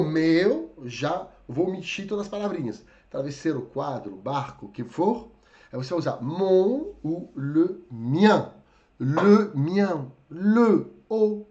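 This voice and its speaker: A man teaching in a live online lesson, slightly hoarse and coughing a little, who keeps checking in with his viewers. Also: fairly high pitch, dull audio. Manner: lively, addresses viewers as "gente", frequent "tá?" check-ins. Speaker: French teacher.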